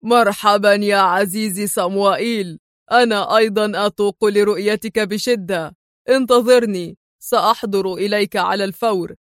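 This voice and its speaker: A woman voicing a coarse, boisterous man with a gruff, hoarse voice. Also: high-pitched, steady tone, normal speed, fairly bright tone, no room sound, clean studio sound. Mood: jovial.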